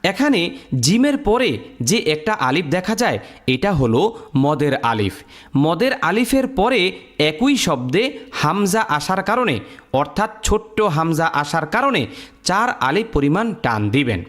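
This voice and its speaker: A man's voice: high-pitched, sing-song, moderate pace, fairly bright tone. A man teaching Quran recitation rules step by step, drilling letter sounds in a sing-song, teacherly way. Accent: Bangladeshi Bengali. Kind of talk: step-by-step lesson.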